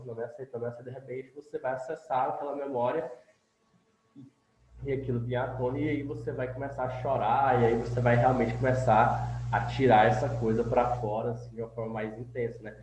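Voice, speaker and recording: Um homem terapeuta conduzindo uma sessão em grupo, explicando com calma e repetindo "né?". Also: male voice, medium pitch. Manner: calm, repetitive, often ends phrases with "né?". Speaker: therapist leading a group session. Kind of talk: instructional talk, demonstrating a tapping technique. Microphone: phone. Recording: lo-fi, roomy, faint noise, recorded on phone.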